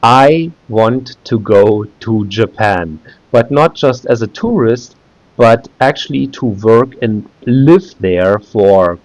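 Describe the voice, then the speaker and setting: A German video creator in his thirties, speaking English as a non-native, casually walks through a website in a screen recording, hesitant and full of "uh" fillers and restarts. His mid-range voice has lively intonation, a slow pace and a darkish tone, recorded roughly with no room sound.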